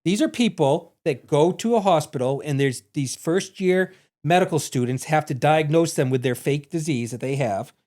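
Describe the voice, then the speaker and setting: A man's voice: a little high, moderate pace, few pauses, a little mellow. A man co-hosting a casual podcast chat, telling loose, profane stories full of fillers. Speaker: podcast co-host.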